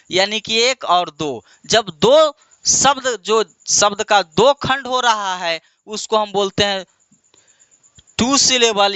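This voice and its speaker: A man's voice: high voice, sharp tone, clear, resonant tone, no room sound. A man from India teaching an English grammar lesson, repeating words and quizzing his students in a call-and-response way, calling them "my dear". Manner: asks questions and answers them himself, drawn-out repetition.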